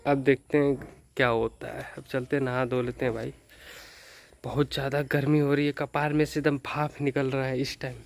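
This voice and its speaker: There's vocal fry in this medium-pitched male voice, which holds a level tone at normal speed. A young man from northern India, he chats casually to his vlog camera outdoors in farm fields before moving home. He's rueful and self-mocking, using "bhai sahab" often and calling viewers "brother."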